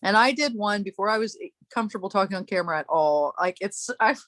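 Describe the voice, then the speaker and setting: A woman's voice: mid-range voice, animated, fast, a bit bright, no echo. A woman hosting a casual chat, telling a long story in a rambling way, breaking off and laughing often. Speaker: podcast host.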